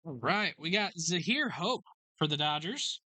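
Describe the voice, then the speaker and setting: A card break host in a sports card shop, briskly calling out card names and serial numbers as packs are opened. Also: mid-range voice, sing-song, bright, forceful tone, no echo. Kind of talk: live card break commentary.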